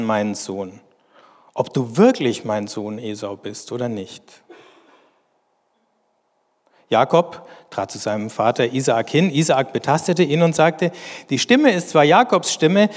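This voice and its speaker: Man reading scripture in a reverberant hall. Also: mid-range voice. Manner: slow, deliberate reading with measured explanation. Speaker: bible teacher.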